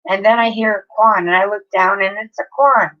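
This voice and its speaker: A woman's voice: medium pitch, steady tone, fairly quick, lo-fi sound. A woman, livestreaming from home and telling a long story in a casual, chatty way with frequent swearing. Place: home, near an open window.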